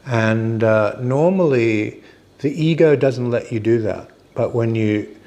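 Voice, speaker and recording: A man teaching informally, explaining step by step with pauses as he finds his words. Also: mid-range voice, mellow. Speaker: teacher of hypnotherapy and meditation.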